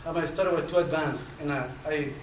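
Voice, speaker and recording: Talking quickly in a slightly high voice with fairly even intonation, a Chilean man shares his own story on a panel. He stutters and uses many fillers, and his Chilean Spanish accent is clear. The lecture hall recording is distant and echoey, with faint background noise.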